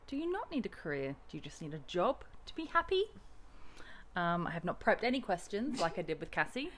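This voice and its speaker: A woman's voice: fairly low pitch, sing-song, a little fast, fairly bright tone, slight background noise. A woman in her late twenties hosting a podcast, chatty and laughing often in casual conversation. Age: 20s. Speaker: podcast host. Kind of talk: casual chat.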